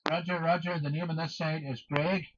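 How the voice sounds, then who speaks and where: A man's voice: a little high, flat delivery, brisk. A man working as an amateur radio operator, calling in formulaic procedural phrases and phonetic spelling, with radio static. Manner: formulaic, spells call signs in phonetic alphabet. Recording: dull sound, faint radio static.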